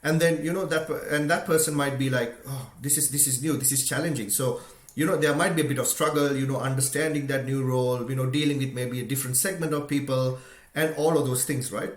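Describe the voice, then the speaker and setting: A man's voice: medium pitch, fairly even intonation, brisk. A man from Sri Lanka giving an earnest, conversational motivational talk, full of "you know" and "right?". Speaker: motivational speaker. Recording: echoey room.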